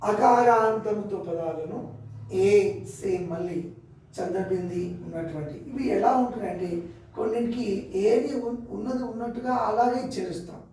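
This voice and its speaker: Male teacher, high voice, slow repetitive explanation, far from mic, heavy room echo. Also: dark tone. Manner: explains slowly, repeating words and their plurals. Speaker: Hindi teacher. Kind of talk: classroom grammar lesson.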